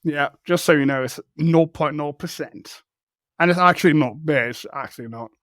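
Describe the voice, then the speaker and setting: A man co-hosting a podcast, talking casually and rambling, with restarts and offhand swearing. His voice sits a bit high. It is recorded close and dry, with no room sound. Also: moderate pace, a bit bright, dry recording. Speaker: podcast co-host. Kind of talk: casual chat.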